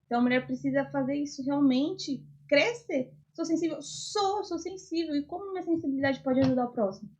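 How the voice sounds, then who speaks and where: A woman's voice: high voice, brisk, hardly any pauses, darkish tone. A young Brazilian woman, a podcast guest, earnestly explaining her faith views in casual talk, with many fillers. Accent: Brazilian Portuguese. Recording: dull lo-fi audio.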